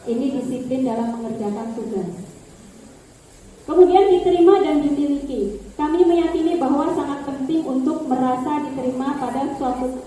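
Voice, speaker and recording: A woman's voice: high-pitched, dark tone, slight background noise. A woman teacher explaining classroom practice to colleagues, repeating key terms and addressing them as Bu. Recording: echoey room from far off.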